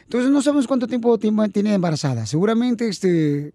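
Man, radio host, affectionate, high voice, dry studio sound. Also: brisk, mellow, no echo. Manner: affectionate, calls callers "mi amor" and "hermosa". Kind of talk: call-in radio show chat.

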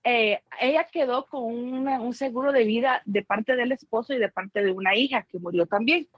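A woman from Guatemala, chatting casually as co-host, telling animated stories and mimicking her relatives, dropping in English phrases. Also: a little high, moderate pace, no echo, dull audio. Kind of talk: casual chat.

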